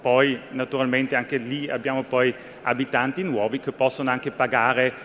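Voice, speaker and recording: A man with an Austrian German accent, a native German speaker, giving a conference presentation in halting Italian with many searching pauses. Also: mid-range voice, flat delivery, a bit bright. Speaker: conference speaker, building ecology expert. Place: large conference or trade fair hall. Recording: reverberant hall, faint background noise.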